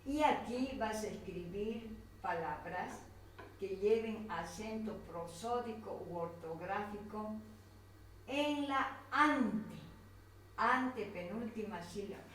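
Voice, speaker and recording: Heard from afar in a strongly echoing room with faint noise, a woman teacher speaks at a medium pitch and takes her time. Her Colombian accent carries as she patiently repeats herself and points to each item while walking a pupil through a grammar worksheet.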